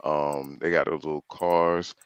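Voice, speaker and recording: A man's voice: extremely low pitch, level tone, measured pace, clean tone, no room sound. A man co-hosting a podcast in laid-back, slangy casual chat, laughing often.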